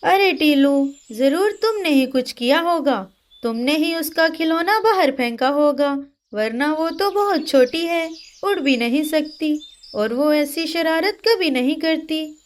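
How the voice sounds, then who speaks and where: Cartoon mother sparrow, voiced by a woman, anxious, high and slow. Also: lively intonation.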